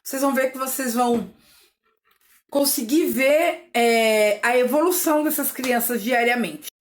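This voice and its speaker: A Brazilian woman teaching families how to read nursery rhymes with children, chanting words slowly syllable by syllable between explanations. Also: fairly high pitch. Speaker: literacy teacher. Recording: echoey room.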